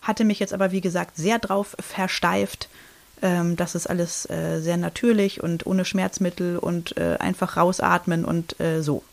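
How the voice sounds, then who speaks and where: A woman's voice: lowish voice, fairly even intonation, measured pace, gravelly. A woman in her thirties chatting casually on a podcast, telling a personal story with many fillers and restarts and acting out what people said. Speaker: podcast co-host.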